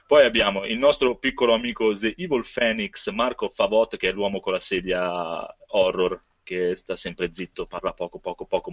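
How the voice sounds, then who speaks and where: A man's voice: on the low side, fairly bright tone, husky. A man hosting a podcast in casual chat, with informal, teasing banter and slightly lo-fi online audio. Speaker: podcast host.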